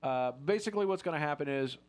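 A man's voice: fairly high pitch, expressive, fast talker. A man in his forties hosting a casual live-stream chat from a small studio on a headset mic, joking as he reads product copy aloud. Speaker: show host. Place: small studio room with posters and string lights.

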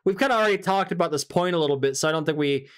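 A man's voice: on the high side, very fast, smooth. A man hosting a podcast interview in a casual way, often adding "right?" and "you know". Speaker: podcast host.

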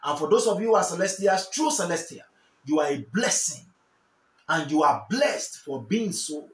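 A young Nigerian man preaches with fervour, his high voice rising and falling in wide sweeps. He repeats his key lines for emphasis. The sound carries the echo of a small bare room. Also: lively intonation, normal speed. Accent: Nigerian English. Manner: fervent, repeats key phrases, gestures while preaching. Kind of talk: sermon to camera. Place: small indoor room, seated in armchair.

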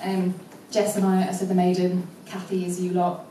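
A woman's voice: lowish voice, monotone, normal speed, a crowd in the background. A woman from a folk band chatting and joking with the audience in a live club, recorded from a distance. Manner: chatty, laughing, self-deprecating. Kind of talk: onstage banter between songs. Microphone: stage mic, distant. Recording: echoey live room from far off, noisy.

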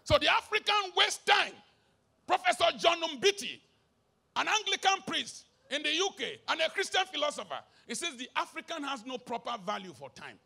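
A Nigerian man preaching a sermon live at a concert, swinging between shouted lines and low muttered asides, slipping into pidgin. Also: very animated, moderate pace, gravelly.

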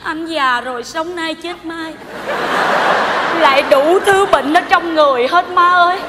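An actress playing a chatty, pleading young wife in a live stage comedy. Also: female voice, extremely high pitch, measured pace. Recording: live stage with loud audience noise.

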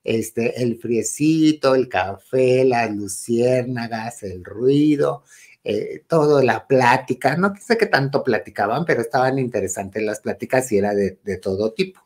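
A man with a Mexican accent tells a ghost story in a relaxed, chatty way. He talks animatedly and dips into a hushed whisper at the scary moments. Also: medium pitch, unhurried. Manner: animated, drops to a whisper at the spooky parts. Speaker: guest storyteller. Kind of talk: casual ghost story telling.

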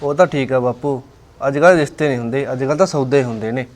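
A man's voice: medium pitch, fast talker, a little mellow, natural voice. A young man playing an unmarried son who talks in an easygoing, agreeable way, with a rural Punjabi accent. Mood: resigned. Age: young adult. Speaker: son of marriage age.

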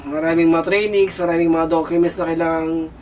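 Young man with a high voice, hesitant. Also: little pitch movement, fairly quick, a little mellow. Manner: hesitant, many fillers and restarts, searching for words. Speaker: cruise ship kitchen crew member. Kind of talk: casual interview answers. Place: aboard a cruise ship. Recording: distant mic with faint background noise.

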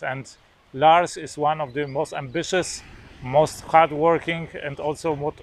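A man's voice: on the high side, fairly bright tone, slight background noise. Polish man musing to camera. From Poland. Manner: hesitant, many filler sounds and restarts. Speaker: vlogger. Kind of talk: casual talk to camera. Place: outdoors on a tropical lawn by a beach.

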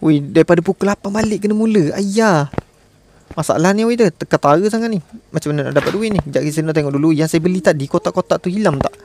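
A man's voice: high voice, fast, a little mellow, slight background noise. A man with a Malaysian Malay accent giving casual, exasperated commentary while streaming a management game and talking to his viewers.

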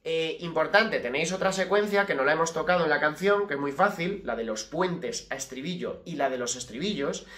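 A man teaching an acoustic guitar lesson, explaining step by step, checking in often and speaking rhythm syllables slowly. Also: a little high. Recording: loud guitar playing behind voice.

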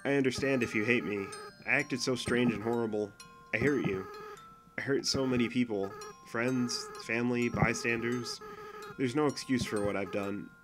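A man voicing a remorseful young goat monster boy in a fan dub of a game scene, talking softly and pleadingly over music. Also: mid-range voice, moderate pace, natural voice. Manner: soft, pleading and earnest. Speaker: fan voice actor.

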